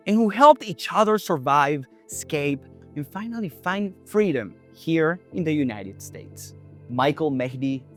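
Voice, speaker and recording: A man from Venezuela hosting an interview, speaking earnestly with emphasis. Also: fairly high pitch. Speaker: host.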